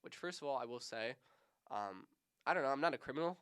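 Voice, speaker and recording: A man's voice: mid-range voice, lively intonation, quick pace, fairly bright tone, clear, resonant tone. A man in his twenties co-hosting a podcast, chatting casually in a rambling, laid-back way. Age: 20s. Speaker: podcast co-host. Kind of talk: casual chat.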